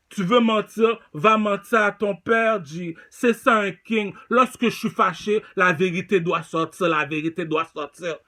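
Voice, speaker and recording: Young male rapper with a high, sharp voice, ranting and bragging, firing repeated challenges. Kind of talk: boastful rant to camera.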